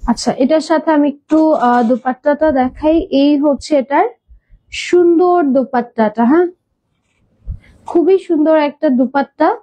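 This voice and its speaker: A woman's voice: high voice, moderate pace, mellow, dry recording, low-quality recording. A woman hosting a live clothing sales stream, chatty, mixing in English words and hesitating with fillers and repeats. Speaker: online clothing seller.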